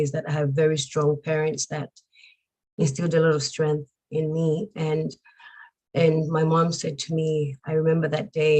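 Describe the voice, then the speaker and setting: A woman in her forties from Zambia, a guest speaking earnestly and reflectively about her life, pausing often with fillers. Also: deep voice, darkish tone, rough recording. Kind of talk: personal testimony interview.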